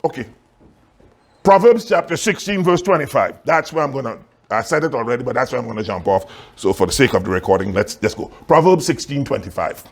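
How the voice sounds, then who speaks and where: Animated preacher, lively pitch. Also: male voice, creaky, breathy edge. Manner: reads scripture slowly with dramatic emphasis; lively, emphatic preaching with rhetorical questions. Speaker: pastor. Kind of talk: sermon. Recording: sermon recorded in a church.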